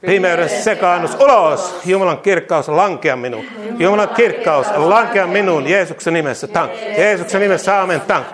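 A man's voice: sits high, expressive. A man leading a fervent charismatic prayer and blessing, chanting repeated syllables, speaking in tongues and laughing through his words. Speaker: prayer leader. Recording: crowd noise in the background.

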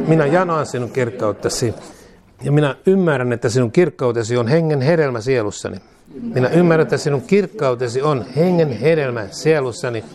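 Finnish pastor leading a prayer, congregation echoing. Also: male voice, mid-range voice. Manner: reads prayer lines in short phrases for the congregation to repeat. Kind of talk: sermon, leading a call-and-response declaration. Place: church service with a congregation. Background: congregation repeating lines aloud.

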